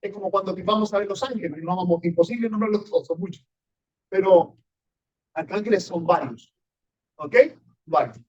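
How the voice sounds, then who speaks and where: Emphatic high-voiced male pastor, lo-fi. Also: normal speed, long pauses, darkish tone. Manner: emphatic, asks the audience often, rising and falling sharply. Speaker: pastor teaching a class. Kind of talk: sermon-style Bible teaching with congregation questions. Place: church meeting room. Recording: dull lo-fi church recording.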